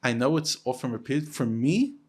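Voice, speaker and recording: A man from the United States, a rabbi, talking casually as a podcast guest, restarting and repeating words as he goes. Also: moderate pace. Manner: animated, lifts his pitch sharply when quoting others.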